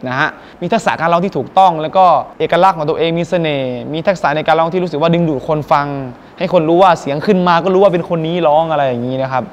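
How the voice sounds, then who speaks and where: This guest singer and workshop mentor is a young man whose voice is on the high side, with slight background noise. Presenter-style, he talks to the camera politely and earnestly, starting outside by a school building and moving inside a music school to mentor students.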